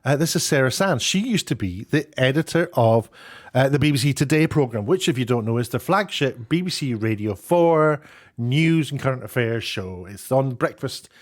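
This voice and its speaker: This YouTube commentator is a British man with a mid-range voice, lively intonation and a normal speed. His delivery is sarcastic and mocking, casual and opinionated, tinged with incredulity and exasperation.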